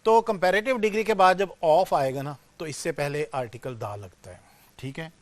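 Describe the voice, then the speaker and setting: A man's voice: fairly high pitch, no room sound. A man teaching English grammar to students, explaining step by step and checking in often with questions. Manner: volume rises and falls sharply, slows to stress example sentences. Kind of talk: classroom grammar lecture.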